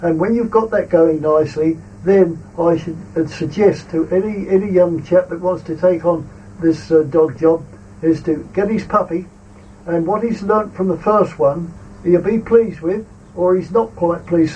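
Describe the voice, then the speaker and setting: An older man explains his craft in an informal, plain-spoken and rambling manner. His voice sits a little high for a man. It is picked up from some distance outdoors, with faint noise around it. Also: moderate pace, dark tone. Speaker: sheepdog trainer. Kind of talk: informal instructional commentary and advice. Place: outdoors in a field.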